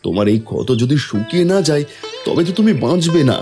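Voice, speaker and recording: A man's voice: a little high, lively intonation, a little fast, music in the background. A man playing a kind, anxious, determined woodcutter father, earnest and a little hesitant, in a fairy-tale cartoon.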